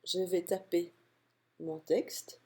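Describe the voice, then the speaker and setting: A woman calmly walking through a software tutorial step by step, narrating her clicks. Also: on the low side, slightly rough. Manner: calm step-by-step explaining, unhurried. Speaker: software instructor. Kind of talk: screen-recorded software tutorial.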